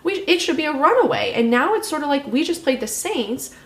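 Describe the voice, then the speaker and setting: A woman's voice: high voice, very animated, fairly quick. A woman co-hosting a casual sports podcast, rambling and self-mocking as she talks through her team's preseason. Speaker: podcast co-host. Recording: echoey room.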